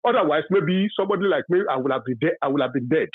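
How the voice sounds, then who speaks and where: A man in his fifties with a Yoruba accent speaks as a radio caller, his husky voice coming through a thin, dry telephone line. He talks in a halting way, full of fillers and restarts, and he presses his points with emphasis. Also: fairly high pitch, expressive, no room sound. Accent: Nigerian, Yoruba. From Nigeria. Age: 50s. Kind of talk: call-in radio opinion. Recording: dry tinny phone line.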